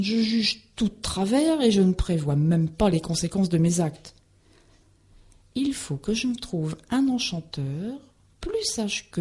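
A woman's voice: mid-range voice, mellow, slightly rough, full character voice. A woman voicing a small, anxious fairy in a storybook reading, fretful and self-doubting.

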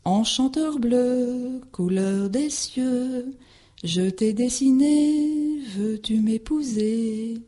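Woman voicing a timid storybook fairy, slow and a bit breathy, lively pitch. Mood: singsong. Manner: fretful, self-doubting. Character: small, anxious fairy seeking a husband.

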